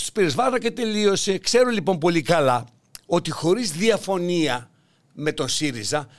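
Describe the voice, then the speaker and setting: An older man hosting a satirical political monologue, mocking and theatrical, acting out voices as he goes. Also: a little high. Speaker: podcast host.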